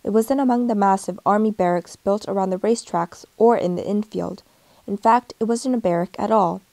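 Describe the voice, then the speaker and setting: A woman reads a picture book aloud in a gentle storytelling way, lightly giving each character a voice of their own. Her pitch sits in the middle, and the recording is close and dry. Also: a little fast, dry recording. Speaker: storybook reader.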